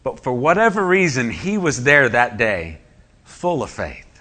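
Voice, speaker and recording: Male preacher, bright forceful delivery, emphatic, asks the room questions. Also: medium pitch, very animated, unhurried. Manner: emphatic, rhetorical questions to the congregation. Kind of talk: sermon.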